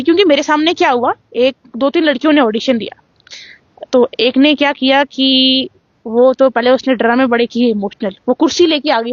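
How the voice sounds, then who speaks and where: A young woman from Jammu, a singer being interviewed, telling her story in a lively way and acting out what the judges said. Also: sits high, no room sound, muffled recording. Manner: animated storytelling, acts out quoted judges. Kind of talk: casual interview.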